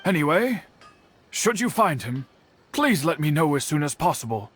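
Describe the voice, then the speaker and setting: An actor playing an earnest young swordsman in a video game, speaking in a composed, formal and measured way. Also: fairly high pitch, big pitch swings, a bit bright. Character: earnest young swordsman worried for a missing friend. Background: game music.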